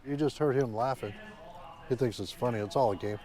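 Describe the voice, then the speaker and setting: A man speaking as a sheriff in a documentary interview, calmly laying out facts and figures. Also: medium pitch, fairly quick. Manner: matter-of-fact, explains with figures.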